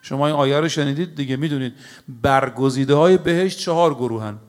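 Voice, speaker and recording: A man preaching a sermon to a congregation. He tells stories and recites scripture, and he speaks emphatically, often addressing his listeners directly. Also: mid-range voice. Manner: storytelling with recited Arabic scripture.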